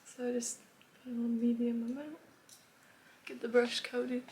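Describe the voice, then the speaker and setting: A woman's voice: on the high side, little pitch movement, normal speed, darkish tone, a little hiss or hum. A woman giving a casual, chatty makeup tutorial, rambling and often dropping to a whisper. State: a bit out of breath. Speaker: makeup vlogger.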